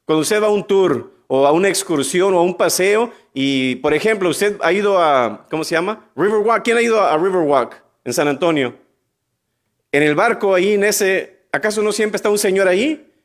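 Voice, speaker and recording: A man preaching a sermon, asking his congregation questions and quickly acting out biblical dialogue in different voices. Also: high-pitched, expressive.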